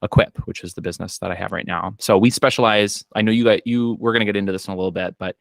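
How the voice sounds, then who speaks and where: A Minnesota man with a low voice and some vocal fry talks very fast on a casual podcast, telling relaxed stories packed with fillers and quoted asides. He's an accountant and business owner calling in by video from his home office, with no room sound.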